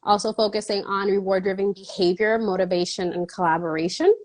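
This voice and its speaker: A woman's voice: mid-range voice, fairly even intonation, brisk, darkish tone. A woman in her thirties from the Dominican Republic, a guest in an interview, answering at length in an earnest way with small laughs between phrases.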